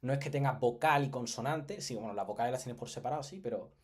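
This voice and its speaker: A man with a Spain Spanish accent talks through a lesson in an easy, conversational way. His voice sits at an ordinary middle pitch, and he wanders into jokes and asides, regularly pausing to check the listeners are following. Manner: chatty, jokey and digressive, with frequent "¿vale?" check-ins. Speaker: Japanese teacher. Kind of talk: casual online lesson presentation.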